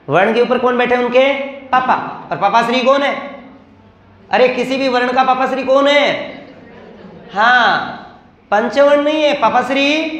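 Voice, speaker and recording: High-voiced teacher in an echoey room. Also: male voice, a bit bright. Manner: asks questions and answers them himself. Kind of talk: classroom lecture.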